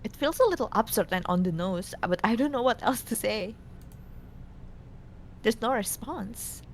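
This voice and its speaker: A woman co-host reads a scripted visual novel story aloud, animated and at a moderate pace, occasionally stumbling over the text. The recording is noisy, with a low rumble behind her.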